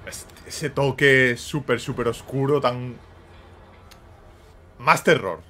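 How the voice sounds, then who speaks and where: A man with a Spain Spanish accent giving casual, excitable reaction commentary over gameplay, dropping quick tag questions to his viewers. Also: mid-range voice, a little hiss or hum. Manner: excitable, peppers speech with quick tags. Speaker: gaming YouTuber.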